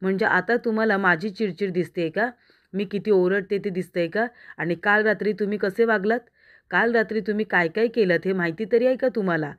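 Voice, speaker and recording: A woman's voice: mid-range voice, muffled recording, close to an everyday voice. A woman reading a scolding young wife. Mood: reproachful. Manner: reproachful, rapid-fire questions. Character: young woman, sharp-tongued, hurt and scolding.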